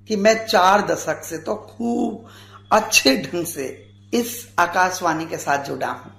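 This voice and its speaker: A man in his forties speaks slowly and earnestly as a radio guest, each phrase measured and formal. His voice rings in an echoey room. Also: a little high, gravelly, a bit bright. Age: 40s. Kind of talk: formal tribute speech.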